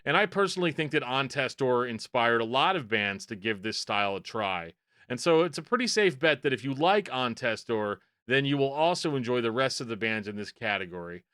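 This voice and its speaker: A man's voice: medium pitch, animated, a little fast, a bit bright, smooth, no room sound, studio quality. A man with a Midwestern American accent hosting a casual list video, chatty and wry as he talks straight to his viewers. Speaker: music video host.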